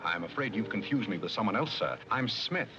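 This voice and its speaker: An actor playing a polite, reserved gentleman butler with a formal, dry manner in a 1930s film. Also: lowish voice, animated, fairly quick, highs cut off, close to an everyday voice. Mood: composed. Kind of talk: 1930s screwball film acting. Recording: old 1930s film soundtrack, music behind.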